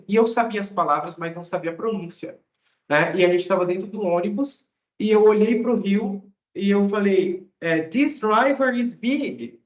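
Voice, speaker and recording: A fairly high-voiced man from Mato Grosso, Brazil, talks casually as an English teacher, explaining ideas to his students. He keeps it conversational and checks in with little question tags. The recording is echoey and a bit dull, as if made on lo-fi gear. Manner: conversational, often ends phrases with a questioning tag. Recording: echoey room, dull lo-fi sound.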